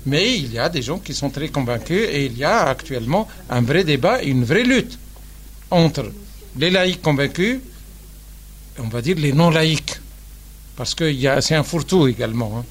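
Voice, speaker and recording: A man's voice: fairly high pitch, expressive, moderate pace, breathy edge. Hesitant Tunisian man in a panel debate. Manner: hesitant, many restarts and fillers, wry asides. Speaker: panel speaker. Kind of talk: public debate remarks.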